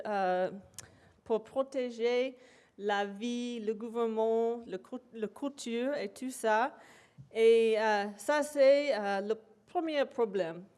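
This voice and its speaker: An invited speaker, this woman gives an academic presentation in a lecture hall, her slightly mellow, rather high voice moving slowly with frequent pauses and fillers. English is her first language.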